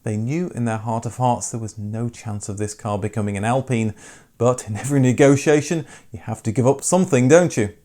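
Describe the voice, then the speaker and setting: A man's voice: mid-range voice, brisk, mellow. A man presenting a scripted documentary as its narrator.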